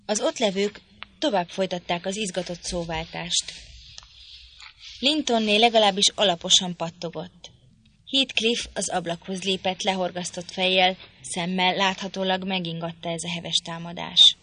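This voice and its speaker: A woman narrating a literary audiobook in a measured, even storytelling manner. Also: lowish voice, slight background noise. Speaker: audiobook reader.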